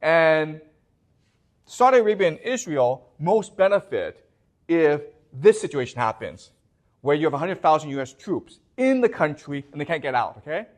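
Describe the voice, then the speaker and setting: Male lecturer, animated delivery, restarts and repeats words, keeps asking the class whether they follow. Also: on the high side, normal speed. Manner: checks in constantly with the class.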